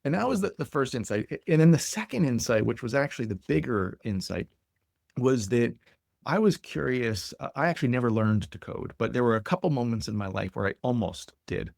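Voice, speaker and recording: A man being interviewed as a company founder, telling stories in an animated way and often repeating words as he builds a point. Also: mid-range voice, fairly quick, creaky, no echo, studio quality. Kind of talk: conversational interview.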